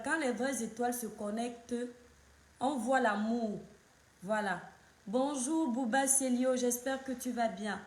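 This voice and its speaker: A woman with a fairly high voice hosts a casual live stream, hoarse from a cold. She greets her viewers by name again and again in a warm, repetitive patter. The room around her rings with echo. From Cameroon.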